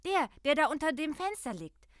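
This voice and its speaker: A woman playing a lively, playful, easily spooked young girl in a children's audio drama. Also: high-pitched, moderate pace, no room sound, studio quality. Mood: urgent.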